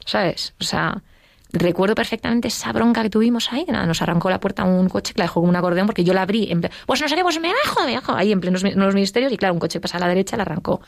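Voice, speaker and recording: A woman's voice: mid-range voice, fairly even intonation, rapid-fire, creaky, no room sound, clean studio sound. A middle-aged woman telling her personal story in an interview, acting out the voices she quotes. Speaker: interview guest.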